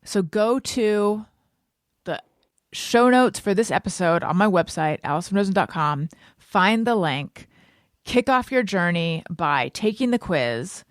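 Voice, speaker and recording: A woman hosting a podcast in a brisk, playful way, reading out plugs and bantering. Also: lowish voice, animated, dry recording, clean studio sound. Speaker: podcast host. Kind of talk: casual chat and announcements.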